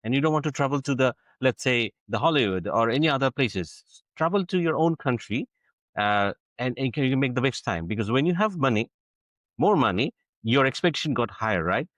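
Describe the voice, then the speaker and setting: A man's voice: medium pitch, animated, fairly quick, fairly bright tone, dry recording. A man co-hosting a podcast, speaking earnestly with many repeated words and restarts. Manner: earnest, with frequent repetitions and restarts. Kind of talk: conversational interview.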